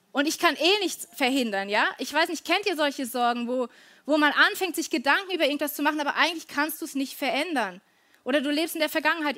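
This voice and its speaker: A woman with a high, light voice gives a devotional talk. She speaks earnestly and conversationally. She often asks her listeners directly whether they know the feeling. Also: pushed and bright.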